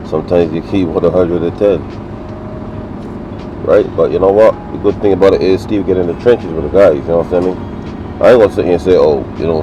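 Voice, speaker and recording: A Barbadian man from Barbados, a construction worker talking casually in an interview, animated and repetitive, outdoors on a city work site. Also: low voice, highs cut off, noisy background. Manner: animated, repetitive, laughs while telling stories.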